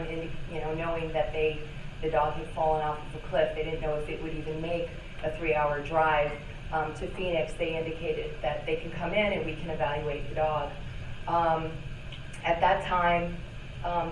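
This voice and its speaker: Woman counsel, low voice, halting with filler pauses; hearing-room recording, distant mic, audible background noise. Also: roomy sound. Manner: hesitant, frequent filler pauses. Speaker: attorney addressing a licensing board. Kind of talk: formal statement at a public hearing.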